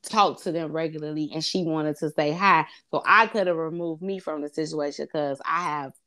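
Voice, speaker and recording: A woman's voice: sits low, normal speed. A woman in casual conversation, talking reflectively and acting out her own past words. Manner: reflective, animated when quoting herself, laughs often.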